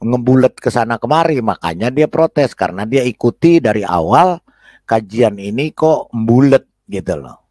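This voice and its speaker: A man hosting and talking casually about a debate clip, with relaxed fillers and repetition. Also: medium pitch, normal speed, no echo, studio quality. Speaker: host commenting on a debate clip. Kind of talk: casual commentary.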